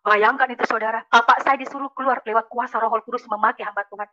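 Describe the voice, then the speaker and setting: With a fairly high, sharp voice and fairly even intonation, this fast-talking woman from Makassar, Indonesia shares her religious conversion testimony. The audio is dull, and she speaks emphatically, frequently calling out to her listeners.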